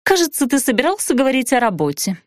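A woman voicing a haughty, capricious young blonde woman who speaks in a drawn-out, imperious, snappish way. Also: high voice, very animated, no room sound, clean studio sound, voice pushed up.

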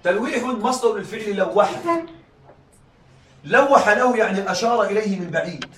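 High-voiced man teaching, echoey. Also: normal speed, fairly bright tone. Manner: keeps checking the students follow with rhetorical questions. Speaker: Arabic rhetoric teacher. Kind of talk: classroom lecture. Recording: echoey room, voice from a distance.

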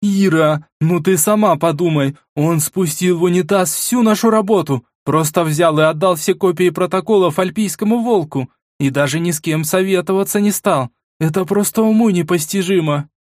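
A man's voice: high voice, moderate pace, few pauses, a little mellow, no echo, clean studio sound, pitched above the performer's own voice, close to an everyday voice. A man voicing a hot-tempered, uncompromising noblewoman who rants with scorn. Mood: indignant. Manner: ranting, scornful.

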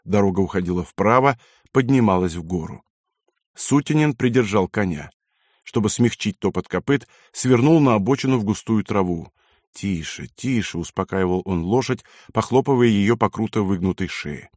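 Measured male audiobook narrator. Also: fairly low pitch, a little mellow, no room sound, studio quality. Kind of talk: scripted narration.

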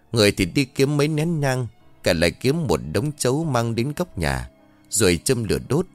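A man with a fairly low voice reads a ghost story aloud with dramatic, lively expression, his pitch rising and falling freely. Faint music sits under his narration.

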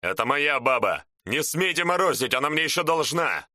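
A gruff, grumpy old shaman barks and scolds, as a man puts him on in a storybook reading. His voice is bright and forceful, recorded close and dry. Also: on the low side, slow pace, no room sound. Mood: commanding. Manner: barking, scolding.

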